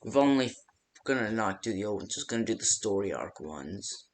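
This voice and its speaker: In a fan-made amateur horror game, a voice actor with a fairly low, animated voice plays a nervous coworker. He leaves security tips over the phone, explaining things in a hesitant, halting, stammering way.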